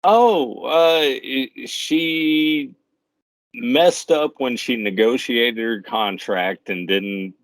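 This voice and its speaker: A man's voice: mid-range voice, very slow, dry recording. A man chatting casually on a movie podcast, giving blunt opinions and laughing often. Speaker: podcast guest.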